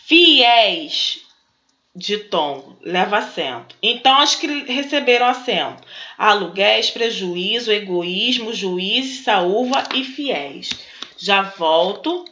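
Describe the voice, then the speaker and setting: Slow, bright-voiced Brazilian woman teacher. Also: medium pitch, animated. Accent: Brazilian Portuguese. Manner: slow, explanatory, asks and answers her own questions. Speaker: Portuguese teacher. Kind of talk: recorded online class, working through exercises. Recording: echoey room, dull lo-fi sound.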